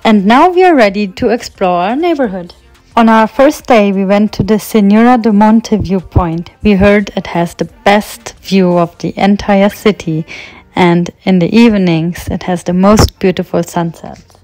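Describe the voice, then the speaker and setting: A woman narrating a travel vlog in a calm, explanatory scripted voice-over. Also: medium pitch, a little slow, dry recording, soft background music.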